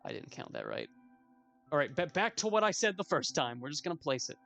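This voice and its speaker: A man's voice: on the high side, huge pitch swings, a little fast, gravelly, fairly bright tone, soft background music. A 21-year-old man giving casual gameplay commentary as a let's play host, rambling with self-mocking asides.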